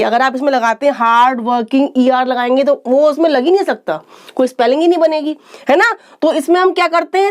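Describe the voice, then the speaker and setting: A woman teaching a grammar lesson, explaining step by step, asking questions and answering them herself, and reading example sentences slowly and deliberately. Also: sits high. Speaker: English teacher. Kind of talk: classroom-style grammar lesson.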